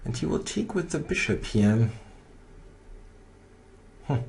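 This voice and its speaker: Guy doing live chess commentary on his own blitz game, slow pace, kinda mutters to himself while thinking. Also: medium pitch, very animated, gravelly, a little mellow, a little hiss or hum.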